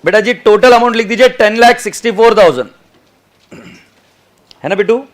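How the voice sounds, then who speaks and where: An Indian man teaching an accounting class, switching between English and Hindi, with a lively sing-song intonation and drawn-out words for emphasis. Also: sits high. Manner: mixes English into Hindi, calls students "beta". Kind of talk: classroom lecture.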